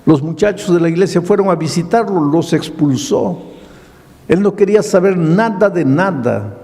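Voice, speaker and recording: Older male pastor, Peruvian Spanish accent, dramatic sermon storyteller; mellow, gravelly tone in a reverberant hall. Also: high-pitched, animated, normal speed. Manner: dramatic preaching, acts out dialogue.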